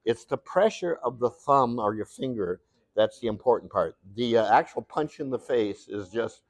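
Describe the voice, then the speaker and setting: A man leads a hands-on glass-cutting demonstration in a studio workshop, talking in a loose, folksy way and thinking out loud as he works. His voice sits at an ordinary pitch for a man. The sound is dry and close, with little room echo. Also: lively intonation, normal speed. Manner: folksy, rambling, thinks aloud while working.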